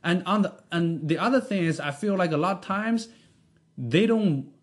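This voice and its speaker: High-pitched man, profane emphatic ranting, casual podcast chat. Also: expressive, moderate pace. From United States.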